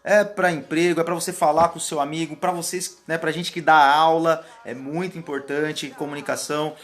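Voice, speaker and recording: Indoors in a warm room, a sweating man coaches public speaking on a casual live stream. He rambles, reads comments and thanks viewers by name as they join. His voice is on the high side, level in tone, at a moderate pace.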